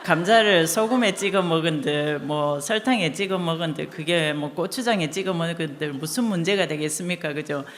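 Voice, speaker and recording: A woman's voice: deep voice, normal speed, hardly any pauses. A woman pastor preaching a sermon, opening with a humorous story in a conversational way.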